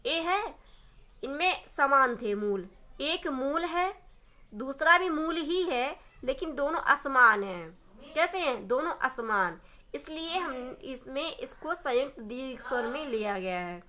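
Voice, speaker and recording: A woman gives a grammar lesson in a high, bright voice. She keeps asking questions and answering them herself, and sometimes holds out example sounds for a long time. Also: lively intonation, slow. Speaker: Hindi grammar teacher. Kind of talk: blackboard-style grammar lesson.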